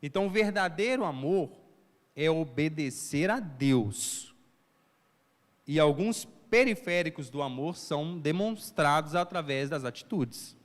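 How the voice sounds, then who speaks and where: A pastor giving a lively sermon, often asking his congregation questions. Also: fairly high pitch, measured pace, big-room sound. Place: church hall.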